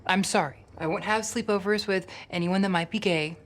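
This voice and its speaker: A teenage boy in a TV comedy-drama, with a high voice. He is prim and catty, defensive and articulate. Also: brisk, fairly bright tone. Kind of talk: television comedy-drama acting.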